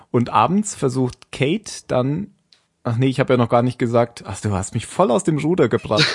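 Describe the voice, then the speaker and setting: With a medium-pitched, darkish voice that has a breathy edge, a podcast co-host walks through an episode's story in loose, meandering chat. He keeps stopping to fix what he just said, filling gaps with fillers and laughs, and it all sounds informal and unrehearsed.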